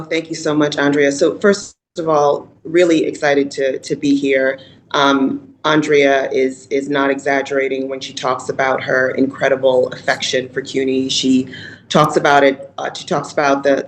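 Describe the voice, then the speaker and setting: A woman from Rochester, New York, giving an earnest, measured and reflective talk as a guest speaker at a virtual conference. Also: very deep voice, a little hiss or hum, rough recording. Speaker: guest speaker, mayor's chief of staff. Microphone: video call.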